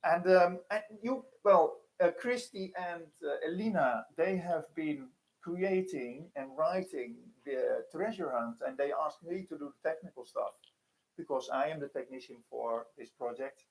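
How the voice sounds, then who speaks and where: Hesitant man with a creaky voice. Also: a little high, poor audio. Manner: halting, searching for words, repeats himself. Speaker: technician co-presenting. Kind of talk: informal explanation at a seminar.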